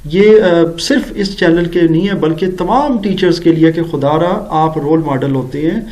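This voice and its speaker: A man with a Pakistani accent talks in a voice pitched fairly high for a man. He hosts a critical review vlog as a teacher, stretching English words out slowly and adding dry sarcastic asides. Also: darkish tone, poor audio. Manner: slow, deliberate English words and spelling out mistakes. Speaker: education channel host and teacher.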